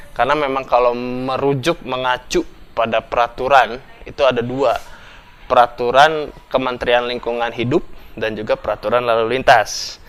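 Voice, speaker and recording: A young man, explaining things in a relaxed, chatty vlog and thinking aloud as he goes. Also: medium pitch, a little hiss or hum. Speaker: motorcycle vlogger.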